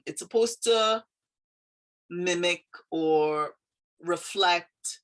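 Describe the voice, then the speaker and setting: This woman's voice is deep yet slightly bright. She is a poet from Trinidad, her Trinidadian accent carrying a hint of Canada, and she explains her poem in a relaxed, hesitant way, pausing often with fillers.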